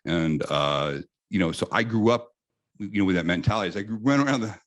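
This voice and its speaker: Deep-voiced man telling animated stories. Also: brisk. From United States. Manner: animated anecdotes with frequent restarts. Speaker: interview guest. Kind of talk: casual storytelling in an interview.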